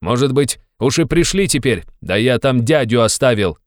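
A man voicing a hot-tempered, blustering young male friend who shouts and scolds. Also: medium pitch, animated, moderate pace, dry recording, studio quality, pitched above the performer's own voice, lightly acted. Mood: blustering scolding.

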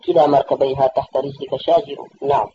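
A man's voice: mid-range voice, fairly even intonation, quick pace, mellow, highs cut off, slight background noise. A man teaching a classical grammar text, patiently explaining points and correcting his student. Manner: patient, repeats and corrects the reader, asks checking questions.

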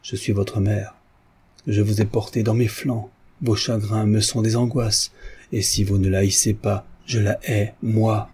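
A stern, cold older mother, as a male audiobook narrator puts her on, speaking in a low, muffled, bitter tone. The voice is dark and husky, the pitch low. Fiercely protective and hard as stone. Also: level tone, a little slow.

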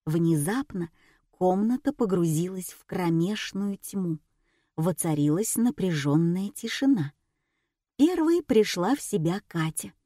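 A woman narrating an audiobook in the first person, wry and even. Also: lowish voice, unhurried, dry recording, clean studio sound.

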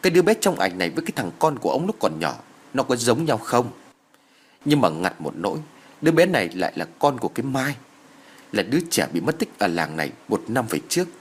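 A man's voice: medium pitch, very animated, quick pace, slightly rough. A man voicing a distraught older village mother who wails and scolds. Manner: wailing and scolding.

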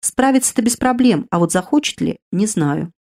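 A woman's voice: medium pitch, animated, normal speed, gravelly, a little mellow, pitched above the performer's own voice. A woman voicing an offhand, indifferent handsome young man.

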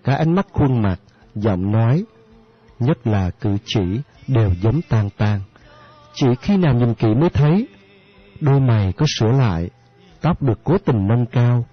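A man narrating an audiobook in a steady storytelling manner. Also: medium pitch, a little slow, soft background music. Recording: dry, slightly muffled audiobook.

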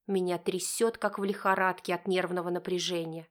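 A woman narrating a first-person novel audiobook in a steady, even storytelling manner. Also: fairly low pitch, a little fast.

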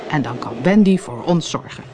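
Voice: medium pitch, expressive, normal speed, a little mellow, close to an everyday voice. A bellowing, menacing pirate captain with a hook, voiced by a reader from the Netherlands growls out threats in a storybook tale. His delivery swings around with plenty of movement, and faint noise sits behind it. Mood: scheming.

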